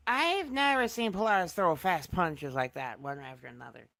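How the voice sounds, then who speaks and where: A woman's voice: fairly low pitch, animated, normal speed, creaky, a bit bright. A woman doing casual color commentary on a wrestling match, making playful, giggly asides.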